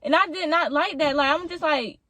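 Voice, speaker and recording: High-voiced young woman telling a storytime. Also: dry recording. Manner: animated, indignant, fast-talking with many "like" fillers. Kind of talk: casual storytime addressed to viewers.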